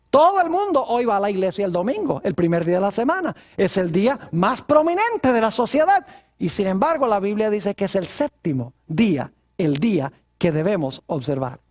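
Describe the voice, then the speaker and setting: A man's voice: high voice, a little mellow. A man preaching a sermon as pastor, asking his congregation rhetorical questions.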